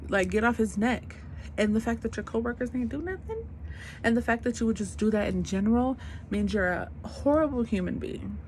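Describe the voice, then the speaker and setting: A woman's voice: fairly high pitch, expressive, brisk, darkish tone, a little hiss or hum. A woman in her twenties venting in an unscripted vlog rant, blunt and emphatic, repeating her points in casual slangy speech. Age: 20s. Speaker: vlogger.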